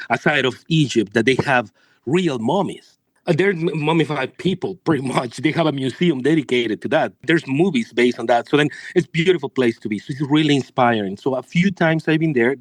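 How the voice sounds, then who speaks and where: A man's voice: mid-range voice, dry recording. A man from Mexico with a Mexican accent, a Spanish native speaker, giving rambling, enthusiastic interview answers as a comic book publisher.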